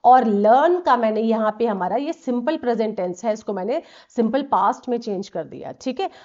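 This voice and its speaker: A woman teaches English grammar in a patient, explanatory way and keeps checking that the students are following. Her voice sits a little high. The recording sounds dull and lo-fi. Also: normal speed, darkish tone. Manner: patient, repeats checks like "right?"; mixes Hindi with English terms. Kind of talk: explanatory lesson.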